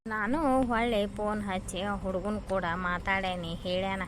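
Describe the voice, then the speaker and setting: A woman voicing a calm older village father-in-law in a cartoon, speaking with a North Karnataka Kannada accent. His voice sits at a middle pitch for a woman. He talks in a brisk, reassuring way. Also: a little hiss or hum, natural voice.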